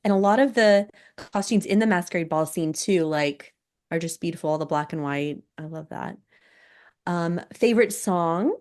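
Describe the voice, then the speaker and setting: A woman hosting a casual podcast chat, soft-spoken and laughing often, her voice a little scratchy from being sick. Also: fairly low pitch, moderate pace. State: recovering from illness, scratchy voice. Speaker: podcast host.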